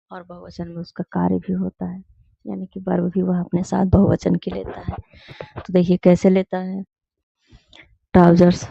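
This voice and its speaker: A woman tutor giving a grammar lesson in Hindi, explaining step by step and reading English example sentences slowly. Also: mid-range voice, gravelly, mellow, no room sound, highs cut off.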